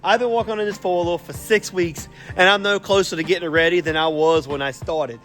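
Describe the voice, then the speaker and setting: Congested Southern man with a higher-pitched voice. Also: fairly even intonation, brisk, fairly bright tone, faint music behind. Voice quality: congested, snotty from a sinus infection. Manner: folksy, griping, self-correcting. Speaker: host of an off-road vehicle repair channel. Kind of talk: casual rambling vlog, showing parts to camera.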